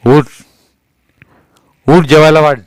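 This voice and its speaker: A man voicing a harsh, angry middle-aged husband who shouts and scolds his wife, raising his voice high and loud. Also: normal speed, smooth, dry recording, natural voice. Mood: angry shouting.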